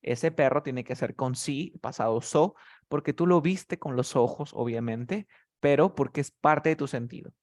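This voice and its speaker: A man's voice: medium pitch, moderate pace, darkish tone. A man teaching English vocabulary in a tutoring session, explaining words patiently step by step.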